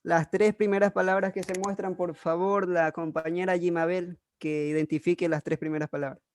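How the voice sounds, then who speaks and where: Man, student presenter, formal, high flat voice, dry sound. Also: moderate pace, no echo. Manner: formal, leads the exercise. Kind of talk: class presentation.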